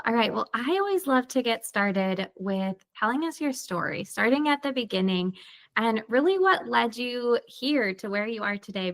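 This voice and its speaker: A woman's voice: mid-range voice, vocal fry, a bit bright. A woman hosting a podcast interview, upbeat and eager, laughing often. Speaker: podcast host.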